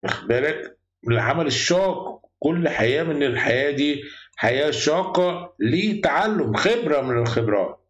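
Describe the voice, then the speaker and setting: Egyptian-accented man, middle-aged, fairly high voice, book reading with commentary, echoey room, dull lo-fi sound. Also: expressive, normal speed. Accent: Egyptian Arabic. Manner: reads translated passages, then explains them in loose colloquial asides. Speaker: channel host.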